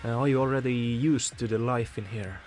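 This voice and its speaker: A man with an Estonian accent hosting a radio interview, asking measured questions and summarizing the answers. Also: mid-range voice, darkish tone. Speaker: radio host.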